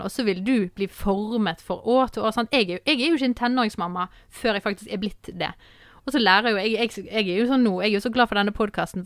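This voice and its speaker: A woman's voice: medium pitch, no room sound, clean studio sound. A woman hosting a podcast in casual chat, rambling and often asking "sant?". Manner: warm, rambling, repeats words and says "sant?" often. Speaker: podcast host.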